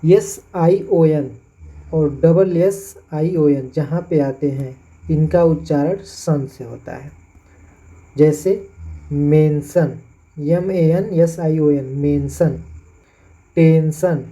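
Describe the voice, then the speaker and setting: In a pronunciation lesson, a man with a Hindi accent spells English words one letter at a time and then says them. His fairly high voice is mellow with drawn-out words, and the lo-fi recording sounds dull.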